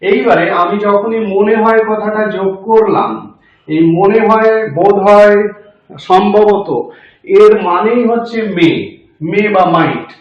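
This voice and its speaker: Male teacher, high voice, slow step-by-step explaining, dull lo-fi recording. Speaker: English teacher. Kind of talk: grammar lesson. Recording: very echoey, dull lo-fi room.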